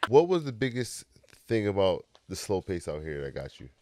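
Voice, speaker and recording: Teasing man with a very animated pitch. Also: moderate pace, a little hiss or hum. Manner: teasing, laughs often. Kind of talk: casual podcast chat.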